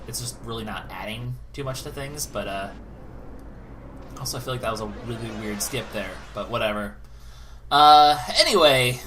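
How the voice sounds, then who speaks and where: A man's voice: medium pitch, bright, forceful tone. A man giving casual, rambling, analytical gameplay commentary as a let's play host. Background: game music.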